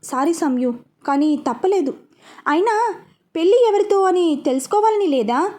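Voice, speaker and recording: A woman voicing a stern middle-aged father who questions and shouts at his daughter. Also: very high-pitched, animated, moderate pace, voice pushed up.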